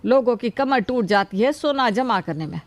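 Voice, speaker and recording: A woman voicing a protective, soft-hearted older mother-in-law in a cartoon, scolding gently and coaxing. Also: on the high side, animated, normal speed. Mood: fond. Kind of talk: cartoon voice acting.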